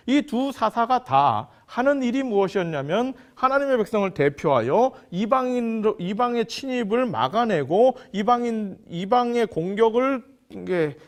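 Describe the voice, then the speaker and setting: A male pastor delivers a sermon in a fairly high voice. His pitch swings widely as he rises to acted scripture quotes and drops low for emphasis. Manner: preaching with dramatic pitch swings, quoting scripture.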